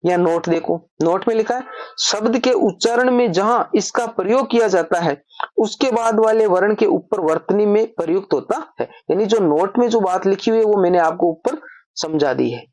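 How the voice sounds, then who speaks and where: A woman teacher walks through grammar rules patiently, one step at a time, often asking a question aloud and then answering it herself. Her voice sits at a medium pitch. The recording is dry and close, with no room sound. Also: normal speed, a little mellow, no room sound. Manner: repeats points as questions and answers them herself. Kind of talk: explanatory lesson.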